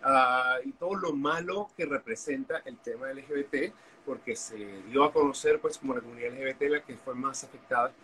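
Pushed and bright in the mid-range, the voice belongs to a Honduran activist sharing his story openly during a video-call interview. He talks at normal speed with many fillers, and the low-quality recording has slight background noise.

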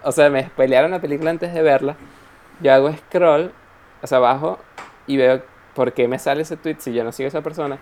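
A man's voice: a little high, fairly even intonation, brisk, darkish tone. A young man in casual chat, telling an anecdote animatedly and acting out his own reactions.

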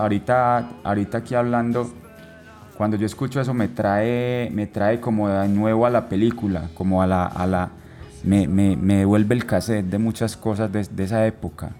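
A man talking casually, often repeating and restarting words, with relaxed local slang. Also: on the low side. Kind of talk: casual chat.

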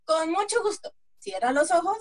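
A woman's voice: very high voice, very animated, moderate pace. A woman voicing a sly sweet-talking opossum. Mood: coaxing. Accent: Mexican Spanish. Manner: coaxing and sweet-talking, prone to giggling. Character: sly, quick-witted male opossum trickster. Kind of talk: amateur read-aloud folk tale acting.

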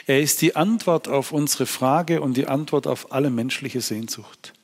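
Earnest male preacher in a reverberant hall. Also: moderate pace. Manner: earnest, swings between hushed low phrases and raised emphatic ones.

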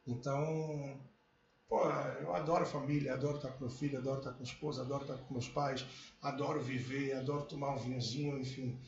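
This man's mid-range voice is steady and a little mellow, and he talks quickly. In a casual conversation he reflects with animation on his family, his hobbies and life in general. A touch of hiss or hum sits under the audio, which was captured in a muffled, echoey room with faint ambience.

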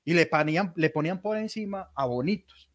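A man's voice: fairly high pitch, fairly quick. A man with a Colombian accent chatting casually as a podcast co-host, telling stories with animation and frequent laughter. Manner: animated storytelling, laughs often. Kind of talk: casual chat.

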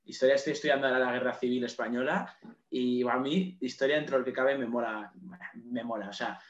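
A man's voice: mid-range voice, fairly even intonation, brisk. A young man, chatting casually as a podcast co-host, rambling off on tangents and swearing offhandedly. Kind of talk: casual chat. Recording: roomy, dull lo-fi sound.

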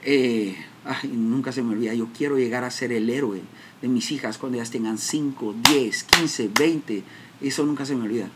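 A man's voice: medium pitch, normal speed, noisy background. Guatemalan man telling an emotional story. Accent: Guatemalan Spanish. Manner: emotional, self-interrupting, dramatic retelling. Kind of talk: personal storytelling talk.

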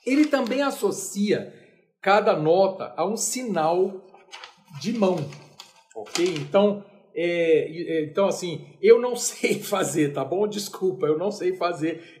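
Giving a casual music lecture, this Brazilian man has a high-sitting, animated voice with a darkish tone and a moderate pace. His Brazilian Portuguese accent comes through as he jokes at his own expense and sings note names.

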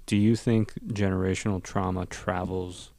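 Deep-voiced reflective male podcast host. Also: level tone, normal speed, darkish tone, no room sound. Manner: reflective, asks thoughtful questions. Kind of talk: casual podcast conversation.

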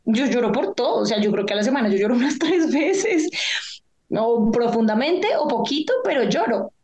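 Candid woman, higher voice. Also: normal speed, lo-fi sound. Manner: emotional, candid, animated storytelling. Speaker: podcast co-host. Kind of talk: casual chat.

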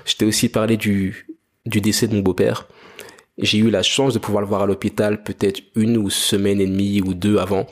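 A man's voice: on the low side, flat delivery, moderate pace. A young French man hosting a podcast, speaking earnestly and directly to the listener in a reflective, motivational monologue. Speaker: podcast host.

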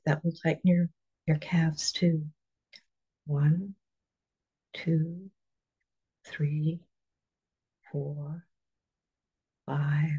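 A relaxation guide leading a guided muscle relaxation in a soft, calm, partly whispered voice, counting slowly to five between steps. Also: medium pitch, slightly rough, highs cut off.

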